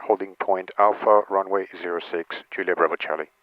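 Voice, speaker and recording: A man's voice: deep voice, fairly even intonation, brisk, phone-quality sound, slight background noise. A man training as a pilot, hesitantly thinking aloud through cockpit checklists and radio calls on an intercom headset. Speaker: student pilot. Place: cockpit of a small light aircraft. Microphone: aviation headset over intercom. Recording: close, dry aircraft intercom headset.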